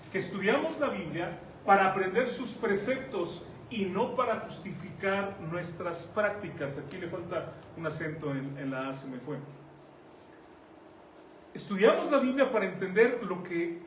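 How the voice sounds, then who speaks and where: A man with a Mexican accent preaching a sermon in a conversational way, putting questions to his congregation. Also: sits high. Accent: Mexican Spanish. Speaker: pastor. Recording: echoey room, mic at a distance, faint noise.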